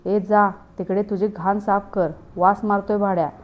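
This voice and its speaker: A woman's voice: medium pitch, little pitch movement, measured pace, highs cut off, natural voice. A woman reading the lines of a harsh, abusive male police officer in a storybook tale, keeping her own voice. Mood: scolding. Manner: rough, scolding.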